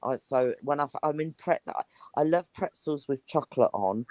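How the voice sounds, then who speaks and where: A woman's voice: low-pitched, lively intonation, normal speed, darkish tone, no room sound, rough recording. A woman chatting casually as a guest, rambling and enthusiastic. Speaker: guest on an online chat show. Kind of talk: casual chat.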